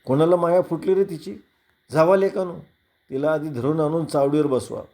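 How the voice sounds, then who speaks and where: A man voicing a quick-tempered village police sub-inspector who barks orders and curses loudly. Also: fairly high pitch, fairly even intonation, pitched above the performer's own voice, lightly acted. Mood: angry, bossy.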